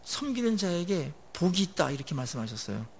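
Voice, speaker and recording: High, lively Korean-speaking pastor preaching. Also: male voice, fairly quick, creaky, slightly rough. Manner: conversational preaching with rhetorical questions to the congregation; swings between rising emphatic peaks and low dropped phrase endings. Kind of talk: sermon.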